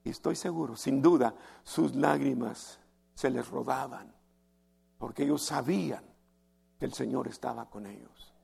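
A man's voice: medium pitch, measured pace, darkish tone. A man preaching an impassioned sermon, often addressing listeners as brother and acting out the voices in the stories he tells. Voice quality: gravelly, husky voice. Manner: impassioned preaching, calls listeners "hermano", acts out quotes. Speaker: pastor.

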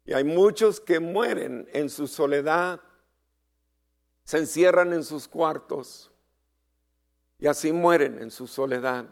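A man preaching a sermon, slow and dramatic, who asks the congregation for responses and rises to shouted peaks. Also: on the high side, creaky.

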